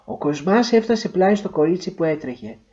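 A woman narrating a literary short story in a measured, expressive way. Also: on the low side, highs cut off.

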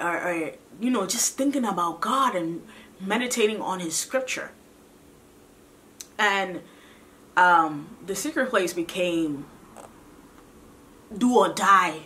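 Bright-voiced woman giving a heartfelt testimony. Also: mid-range voice, slight background noise. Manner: earnest, preachy, repeats words, addresses viewers as sis. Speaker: vlogger sharing faith testimony.

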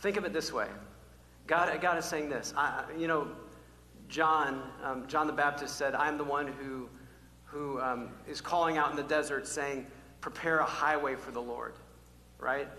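Guy preaching a sermon, kinda high voice, big echoey church sound, repeats stuff, gets loud then goes quiet. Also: steady tone, measured pace. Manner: emphatic, repeats key words, varies from loud calls to near-whisper. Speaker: pastor. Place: church sanctuary. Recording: echoey hall, faint hum.

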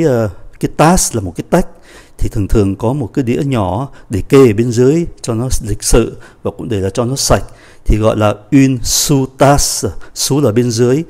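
A man's voice: medium pitch, dark tone. A man teaching a French lesson, patiently repeating and explaining each phrase. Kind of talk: language lesson explaining a dialogue.

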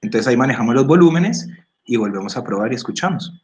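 A man giving a casual screen-recorded app tutorial, explaining step by step, often checking in and clearing his throat. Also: medium pitch, animated, fast. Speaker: workshop instructor. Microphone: computer or phone microphone.

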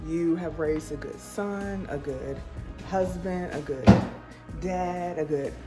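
A woman's voice: on the low side, slow. Chatty woman vlogger over background music. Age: 30s. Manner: chatty and warm, talks to viewers like friends. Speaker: vlogger, mom and doctor. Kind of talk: casual vlog chat to camera.

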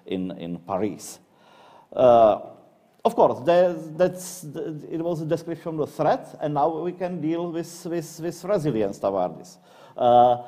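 Halting Czech-accented man giving a panel talk. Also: mid-range voice, dark tone. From Czech Republic. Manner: halting, with frequent fillers and repeated words. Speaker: academic panelist. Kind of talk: conference panel presentation.

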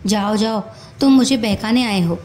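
A woman reading a storybook who voices a naive, lovesick young woman with an excitable, pleading manner. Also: on the high side, moderate pace, slight background noise, close to an everyday voice. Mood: emotional.

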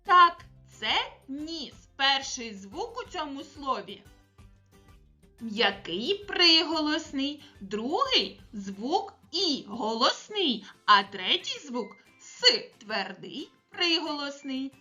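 Preschool teacher, Ukrainian accent, encouraging, high with lots of melody. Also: female voice, sing-song, faint music behind. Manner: warm, encouraging, slow and clear for small children. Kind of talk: remote literacy lesson for preschoolers.

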